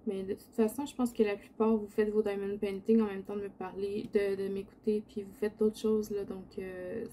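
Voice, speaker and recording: A woman's voice: mid-range voice, flat delivery, normal speed, dark tone, a little hiss or hum. A woman with a Quebec French accent chats casually while crafting, rambling a little in a sleepy morning voice. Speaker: diamond painting video host. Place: indoor home craft setup.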